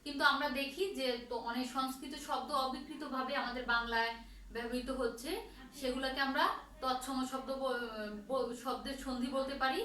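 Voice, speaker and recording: A woman teaching a grammar lesson to students, speaking slowly and repeating key points, often asking a question and then answering it herself. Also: high voice, fairly even intonation, pushed and bright, slight background noise. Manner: slow, repetitive, asks and answers her own questions. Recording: roomy echo from far off, faint ambience.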